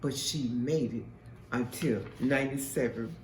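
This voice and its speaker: A woman's voice: very deep voice, a little slow, darkish tone, a little hiss or hum. A woman host telling an emphatic, repetitive testimony in a preacher-like way. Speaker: host and mentor. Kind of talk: spoken testimony. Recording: echoey room from a distance.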